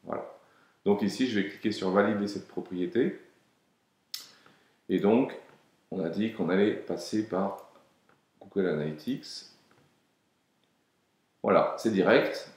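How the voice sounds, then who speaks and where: Low-voiced man explaining in an echoey room. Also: unhurried, pauses often. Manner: calm explanatory, frequent hesitations. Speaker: web tutorial presenter. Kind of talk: screen-recorded software tutorial.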